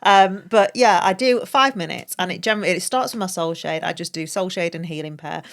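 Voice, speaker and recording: A woman in her forties with a northern English accent, chatting as a podcast guest in a lively, animated way. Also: on the low side, brisk, creaky. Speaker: guest, colour therapist. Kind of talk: casual podcast chat.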